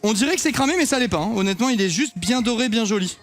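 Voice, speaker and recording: A man's voice: extremely high pitch, lively intonation, very fast, soft background music. A young man chatting casually to viewers while cooking in his home kitchen, swearing now and then. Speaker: streamer cooking on stream. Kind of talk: casual live cooking chat.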